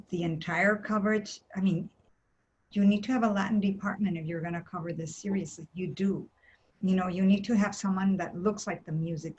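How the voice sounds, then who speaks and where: A woman's voice: fairly low pitch, a little hiss or hum. Woman, muffled audio. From Colombia. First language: Spanish. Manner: earnest, thoughtful, with frequent restarts. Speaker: music journalist. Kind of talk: panel discussion.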